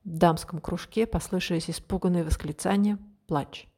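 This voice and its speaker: Expressive woman reading a story aloud. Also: lowish voice, moderate pace, husky. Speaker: audiobook narrator. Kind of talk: first-person audiobook narration.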